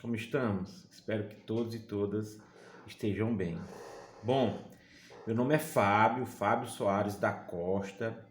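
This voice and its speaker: A man's voice: lowish voice, a little hiss or hum. Northeastern Brazilian man lecturing in an echoey room. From Piauí, Northeastern Brazil. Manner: measured, hesitant lecturing with frequent tag questions. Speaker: university lecturer. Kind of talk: recorded academic talk.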